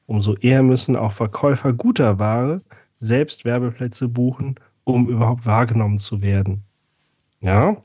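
A man's voice: medium pitch, normal speed, dark tone, husky, no room sound, studio quality. A man co-hosting a podcast in casual chat, telling a story sarcastically with many fillers. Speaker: podcast co-host.

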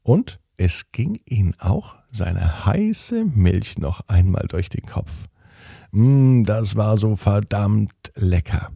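Man, bedtime story narration, dark husky voice, dry close sound. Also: on the low side, no echo. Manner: calm, unhurried.

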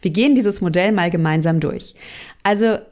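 A woman coaching on mindful eating, speaking gently and directly to the listener and sometimes acting out inner voices with sighs. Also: fairly low pitch, moderate pace. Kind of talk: coaching podcast monologue.

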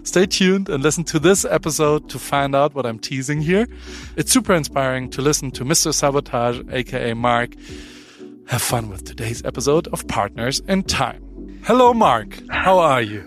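A male podcast host chats casually in an interview, teasing his guest playfully. His mid-range voice is expressive and moderately paced, with soft music in the background.

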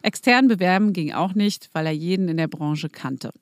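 A woman's voice: lowish voice, no room sound. Female podcast host, reads a listener story with casual asides, dry close sound. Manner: reads a story aloud and breaks off for quick asides and laughs. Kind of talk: casual chat and reading aloud.

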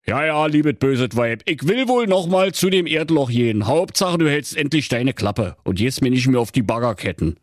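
A man's voice: medium pitch, lively intonation, normal speed, hardly any pauses, no room sound, studio quality, voice pushed up, natural voice. A man voicing a good-natured, henpecked excavator driver who pleads and grumbles about his wife. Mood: resigned. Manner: pleading, exasperated, rhyming chants. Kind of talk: comic fairy tale reading.

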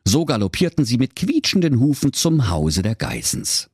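A man narrating a comic fairy tale in a playful, expressive storytelling manner. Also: mid-range voice, moderate pace, husky, no room sound, clean studio sound.

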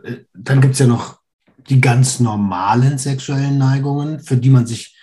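Warm-voiced man hosting a podcast. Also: mid-range voice, steady tone, normal speed. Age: 30s. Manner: engaged, asks follow-up questions. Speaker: podcast host. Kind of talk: casual interview.

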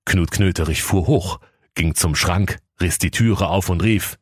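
A man tells a comic fairy tale with playful, mock-solemn relish. His voice is extremely deep. The recording is dry and close. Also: a little slow, slightly rough, dry recording. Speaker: narrator. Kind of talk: comic scripted narration.

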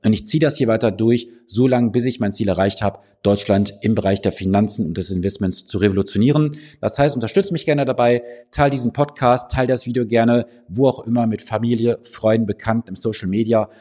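A financial advisor with a slight cold talks briskly and with hardly any pauses, his voice fairly low and dark. Hosting his finance podcast from his office, he speaks straight to camera, giving the listener direct, persuasive advice.

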